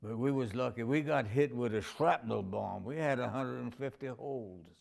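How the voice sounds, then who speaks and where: An older navy veteran recalling wartime events in plain, informal speech. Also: male voice, mid-range voice, normal speed, vocal fry, darkish tone. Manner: plain-spoken, informal grammar. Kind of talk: oral history recollection. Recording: faint background noise.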